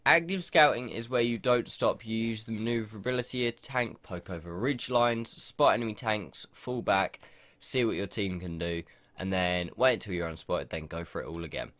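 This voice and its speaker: A fairly low, slightly bright male voice at moderate pace belongs to a young gaming channel host who has a cold and a stuffy nose. Commenting over a replay, he casually walks through tactics in a rambling, explanatory way with plenty of ums.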